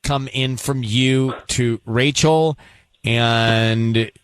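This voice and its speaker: A man hosting a radio show, talking in a smooth radio host delivery, calm and measured as he leads a call from the studio. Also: mid-range voice, no room sound. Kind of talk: radio prank call segment.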